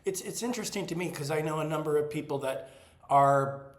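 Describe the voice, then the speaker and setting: Co-host guy asking questions, stops and restarts a lot, echoey room. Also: fairly high pitch. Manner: halting, repeats words as he forms questions. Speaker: co-host interviewer. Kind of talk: interview conversation. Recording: roomy echoey sound.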